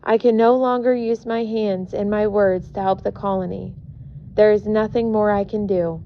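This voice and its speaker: A woman voicing a gravely wounded colonial captain who speaks slowly and wearily, with a gravelly edge. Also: mid-range voice, fairly even intonation, a little hiss or hum, lightly acted. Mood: weary, grave. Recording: muffled recording.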